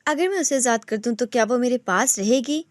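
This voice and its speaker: A woman voicing a possessive young husband who speaks softly and pleads, in a storybook reading. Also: on the high side, lively intonation, dry recording, clean studio sound, lightly acted. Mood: pleading. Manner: soft, quietly pleading.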